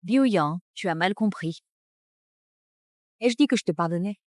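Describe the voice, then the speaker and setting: A woman's voice: lowish voice, expressive, measured pace, dry recording, clean studio sound. A woman voicing a composed, cutting young heiress in a French melodrama dub. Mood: cold. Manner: cold, cutting. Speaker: dubbing actress.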